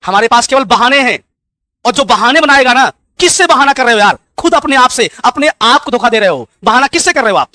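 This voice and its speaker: High, bright-voiced fervent male motivational teacher. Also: animated, fairly quick. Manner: fervent exhorting, rhetorical questions and repeated commands; rhyming proverbs. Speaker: exam coaching teacher giving motivation. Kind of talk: motivational speech to exam aspirants.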